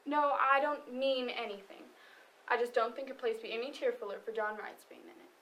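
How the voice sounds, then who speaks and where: Playing a dry, folksy farm wife who is blunt and defensive, this stage actor delivers amateur play dialogue in a slightly high, brisk, somewhat bright voice that stays near her everyday tone. Room noise is noticeable from the distant microphone.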